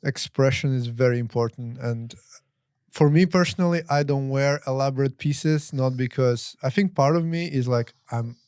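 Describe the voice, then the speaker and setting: A man's voice: mid-range voice, moderate pace, a little mellow, clear, resonant tone, no echo. A male host with a mid-range voice talks in a thoughtful, agreeable way, often nodding along with a "yeah." The recording is close and dry. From Latvia. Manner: reflective, agreeable, frequent "yeah". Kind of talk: casual interview conversation.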